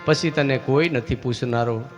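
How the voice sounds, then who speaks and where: A man's voice: medium pitch, moderate pace, highs cut off. Guy preaching at a village gathering, keeps asking the crowd questions, light music underneath. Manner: preachy, asks listeners questions. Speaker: religious teacher. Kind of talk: village sermon with devotional singing.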